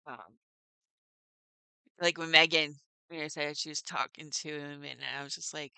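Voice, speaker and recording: A middle-aged woman hosts her own livestream, chatting casually with live viewers and laughing often. Her voice is low-pitched, sharp, clear and resonant, with fairly even intonation at a normal speed, and there's no room sound.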